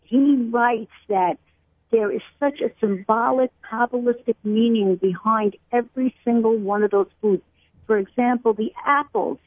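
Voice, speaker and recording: A middle-aged woman from Brooklyn, a cookbook author explaining food customs at length with many pauses and fillers, calling in to a radio interview. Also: fairly high pitch, dry recording. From Brooklyn, USA. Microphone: telephone. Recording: tinny phone line, dry.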